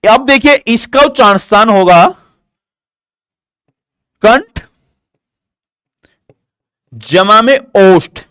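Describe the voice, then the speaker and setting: A man's voice: smooth, no echo, clean studio sound. A man teaching a live online grammar lesson, explaining step by step and asking questions that he answers himself. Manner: asks questions and answers them himself, drilling; slow, deliberate explaining with an animated pitch.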